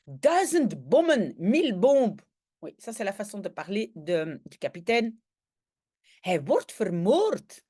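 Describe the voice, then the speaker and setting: This woman's voice is husky and medium-pitched, and she takes her time. Teaching language in a Flemish accent, she reads from a comic and explains each line, livening up in bursts to perform the characters' cries.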